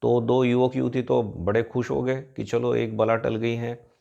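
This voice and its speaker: A man, a spiritual speaker, narrating a moral story in a lively way and acting out the characters. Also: medium pitch, unhurried, vocal fry, highs cut off. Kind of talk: storytelling talk.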